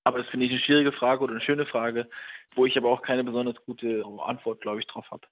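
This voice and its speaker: A writer and radio play director is interviewed, reflecting hesitantly and searching for his words. Though hesitant, he talks fast, in a medium-pitched, level voice. The audio sounds like a muffled, phone-like remote line.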